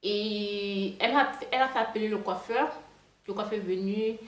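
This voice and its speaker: A woman's voice: medium pitch, moderate pace. A woman vlogger telling a storytime in a rambling, chatty way, speaking French with a noticeable non-native accent. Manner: rambling, chatty, many fillers and restarts. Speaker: hair vlogger. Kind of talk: casual storytime monologue. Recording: roomy echo with faint music.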